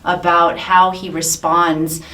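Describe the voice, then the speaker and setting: A woman in her fifties guides a faith talk show and reads scripture aloud, reflective and affirming. Her voice sits somewhat low. The sound carries a roomy echo from a mic placed well back. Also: level tone, slow pace, sharp tone, far from the mic. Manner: reflective and affirming, leading the discussion. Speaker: co-host.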